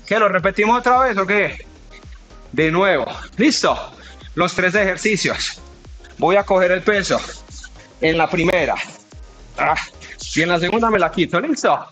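A man's voice: high voice, expressive, measured pace, pauses often, fairly bright tone, soft background music. A man with a Colombian accent coaching a home workout, pushing hard and counting down the reps with energy. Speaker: fitness trainer.

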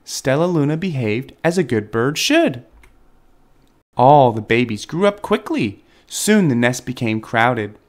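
Slow, expressive storytelling dad. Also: male voice, mid-range voice. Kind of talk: children's book read-aloud.

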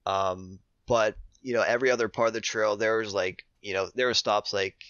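Young man, low voice, halting, lots of fillers, dry lo-fi recording. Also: fairly even intonation, fairly bright tone, clear, resonant tone, no echo. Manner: hesitant, many fillers and restarts. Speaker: podcast guest, thru-hiker. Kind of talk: casual interview chat. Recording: dull lo-fi remote audio.

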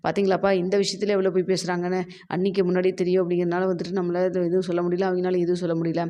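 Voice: medium pitch, completely flat delivery, rapid-fire, mellow. A narrator retelling a drama's plot in casual speech, voicing each character's lines in the same plain voice and leaning on many fillers. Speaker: serial recap narrator. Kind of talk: fast casual storytelling recap.

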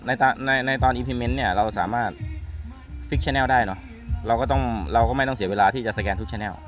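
A mid-pitched male product trainer demonstrates network testers in an informal, hands-on walkthrough, speaking at normal speed and repeating words. The audio is muffled and lo-fi, with background music underneath.

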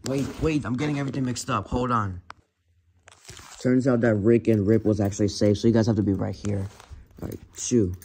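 A man with a lowish, steady, warm voice hosts a homemade toy car elimination series at home, talking briskly over a little hiss or hum. His casual play-by-play rambles as he calls out names one after another, often correcting himself.

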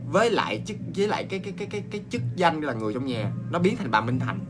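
A man with a Southern Vietnamese accent telling a ghost story in a chatty, animated way, full of exclamations and restarts. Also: on the high side, racing, over music.

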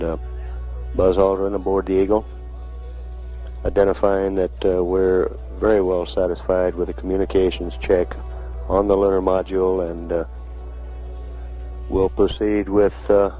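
A man announcing live mission commentary from control in a measured, halting way with many hesitations. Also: low voice, phone-quality sound. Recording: band-limited 1960s radio broadcast, faint music.

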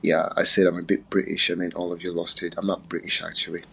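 A man's voice: low-pitched, flat delivery, fast talker, gravelly, fairly bright tone, breathy edge, rough recording. A man from Uganda hosting a casual, playful livestream chat on his phone, chatting and laughing often. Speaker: livestream host.

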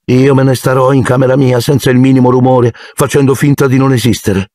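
A man voicing a weary twelve-year-old boy speaking in a flat, expressionless tone. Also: medium pitch, a little fast, vocal fry, no room sound, clean studio sound, voice pushed up, close to an everyday voice.

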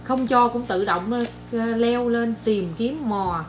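A young woman vlogging at home, chatting away to her viewers as she films her small child. Her voice sits a little high, and music plays clearly behind her. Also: slow pace. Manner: chatty, addresses viewers as aunts and uncles. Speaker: vlogger and mother. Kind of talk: casual family vlog chat.

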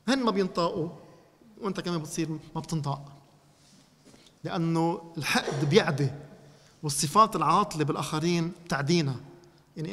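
A man preaching in a Lebanese Arabic accent, teaching a congregation and speaking to them directly with animated energy. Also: high voice, big-room sound. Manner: animated, addresses listeners directly.

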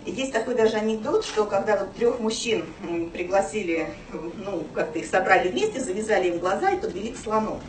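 A woman's voice: medium pitch, animated, brisk, slight background noise. A woman in her thirties telling her own story to a small audience, chatty and full of fillers, filmed from across a small office room. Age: 30s. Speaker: speaker at a business meeting. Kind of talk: personal story talk to an audience. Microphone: far camera, no mic. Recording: roomy, distant camera sound.

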